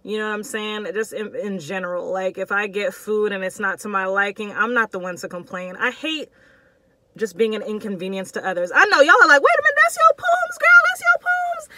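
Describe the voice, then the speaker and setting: Bright-voiced woman telling a storytime. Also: mid-range voice, fairly quick. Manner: expressive and slangy, talks straight to viewers. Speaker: vlogger telling a personal story. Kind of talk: casual storytime chat.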